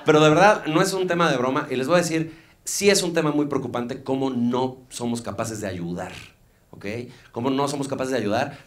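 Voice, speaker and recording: Mexican guy doing standup in a club, slangy and mocking, average pitch, talking into a stage mic. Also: fairly quick. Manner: loose, slangy, mocking asides. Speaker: stand-up comedian. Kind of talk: live stand-up set.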